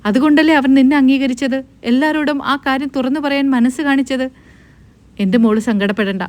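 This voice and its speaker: A woman voicing a kindly older grandfather who speaks gently and soothingly to comfort his granddaughter. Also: high-pitched, fairly even intonation, fairly quick, lightly acted.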